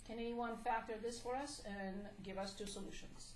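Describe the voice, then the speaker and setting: A woman teaching a math class, hoarse and coughing, asking the class questions at a slow pace. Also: on the high side, fairly even intonation. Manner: slow, deliberate, prompting questions. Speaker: math instructor. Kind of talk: classroom lecture. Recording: echoey classroom, faint noise.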